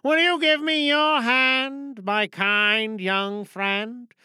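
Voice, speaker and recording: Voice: mid-range voice, little pitch movement, sharp tone, clean tone, no echo, exaggerated voice. A performer doing a wheedling old blind sailor. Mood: pleading. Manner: slow, pleading, drawn-out delivery. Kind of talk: audio drama acting.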